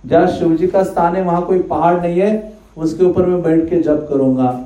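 A man voicing an old sage who is quick to anger, in a roomy, distant recording. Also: sits high, steady tone, mellow, lightly acted. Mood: insistent.

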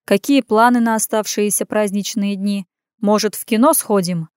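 This is a gruff, bossy grown man with a beard, as a woman narrator reads him in an audiobook. He talks bluntly and teases, in a medium voice with no added color. The sound is dry and close. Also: mid-range voice, steady tone, moderate pace, darkish tone, no echo, close to an everyday voice.

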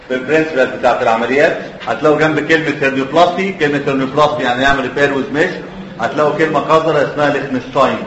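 A man's voice: medium pitch, a bit bright, slight background noise. A man with an Egyptian Arabic accent giving a surgery lecture, quizzing the students and letting them finish his sentences. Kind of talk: classroom lecture. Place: lecture hall. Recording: echoey lecture hall, dull lo-fi audio.

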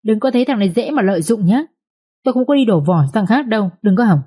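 A woman voicing a callous young village man who sneers dismissively, in a husky voice. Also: mid-range voice, expressive, fast talker, mellow. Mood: sneering.

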